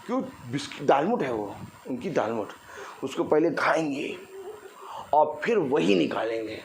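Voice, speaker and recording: Animated high-voiced preacher, man. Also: measured pace, creaky, slight background noise. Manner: animated preaching, acting out everyday people with playful mockery and laughter. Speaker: pastor. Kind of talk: Hindi sermon with congregation responses.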